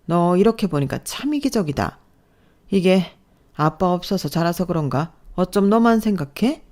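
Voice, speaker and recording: A woman's voice: on the low side, lively intonation, moderate pace, darkish tone, close to an everyday voice. A woman reading a scolding, snobbish mother-in-law. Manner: scolding, belittling. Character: scheming middle-aged mother-in-law, sharp and snobbish. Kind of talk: scripted story narration.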